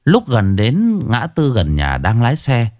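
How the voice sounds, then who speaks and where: A man narrating a ghost story in an expressive, dramatic way. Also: medium pitch, a little slow, no echo, studio quality.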